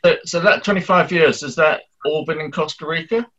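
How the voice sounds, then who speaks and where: A man's voice: a little high, brisk, fairly bright tone. A man interviewing guests, asking questions hesitantly with stammers and restarts. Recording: dull lo-fi sound.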